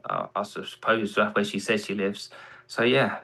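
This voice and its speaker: A man's voice: fairly low pitch, sing-song, moderate pace, creaky, soft background music, low-quality recording. A man from England with a London accent, a guest on a casual chat show, talking hesitantly with lots of ums. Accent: London English. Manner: hesitant, many ums, soft-spoken.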